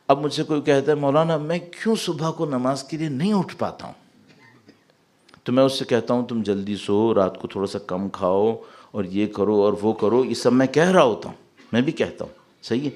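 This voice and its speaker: A man giving a religious sermon as a cleric, mixing English words into his talk and reciting Arabic verses slowly, swinging from emphatic peaks to soft low asides. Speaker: Shia cleric giving a Muharram majlis.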